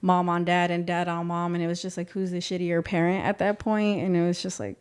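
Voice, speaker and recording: Animated Texas woman telling stories. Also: fairly low pitch, a little fast, clear, resonant tone. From South Texas. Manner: animated, acts out quotes, laughs through stories. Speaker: guest, business owner. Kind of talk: casual storytelling interview.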